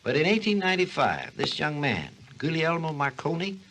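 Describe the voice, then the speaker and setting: In a scripted 1940s educational radio program, a man plays a learned, patient scientist appearing as an expert guest who tells history like a story. His slightly high voice is very animated at a moderate pace, and the husky old recording carries background noise. The delivery is didactic and storytelling.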